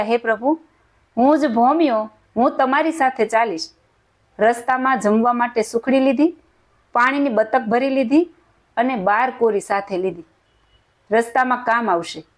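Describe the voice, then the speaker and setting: Woman narrator, high voice, slow even telling of a devotional tale. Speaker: storyteller. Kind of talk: scripted devotional story narration.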